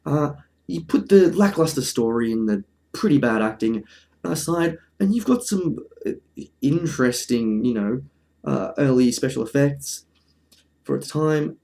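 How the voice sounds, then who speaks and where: A man presents a film review video essay, offering casual commentary in a chatty, informal, slightly wry manner. His voice is a little high with a dark tone, animated yet unhurried.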